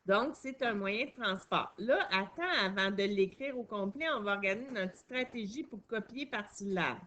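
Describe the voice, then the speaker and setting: A woman's voice: medium pitch, animated, normal speed, bright, forceful tone. A woman teacher with a Quebec French accent, patiently explaining a reading and writing lesson step by step to a young child.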